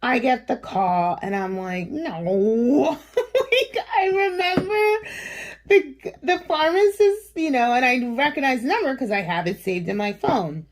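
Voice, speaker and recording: A woman's voice: high voice, animated, a little slow. A woman in her forties chats to her viewers in a loose, rambling way, full of fillers and little laughs. She tells her story casually and keeps circling back to her point. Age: 40s. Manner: chatty, rambling, laughs often, many fillers. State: recovering from a cough and sore throat. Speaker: vlogger.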